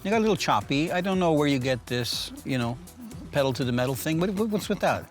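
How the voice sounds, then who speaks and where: A man's voice: a little high, animated, quick pace, soft background music. A man hosting a fishing show, chatting casually and teasing his guest over a meal. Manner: joking, teasing, talks while eating.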